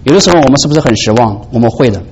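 A man preaching a sermon in an animated way, often asking his listeners "right?". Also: mid-range voice, very fast, slightly rough. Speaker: pastor. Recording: dull lo-fi recording with faint background noise.

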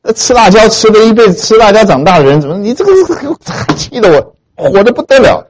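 A man from Hunan, China, preaching a sermon as he tells a story with animated emphasis, often turning to ask his listeners questions. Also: high-pitched, quick pace, slight background noise. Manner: animated, emphatic, keeps asking the audience questions.

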